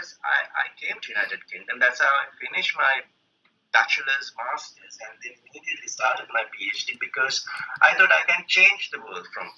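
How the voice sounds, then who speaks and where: Over an online call with muffled, lo-fi audio, a Sri Lankan-accented academic gives a conversational presentation woven with personal stories. His voice is on the high side, bright and forceful.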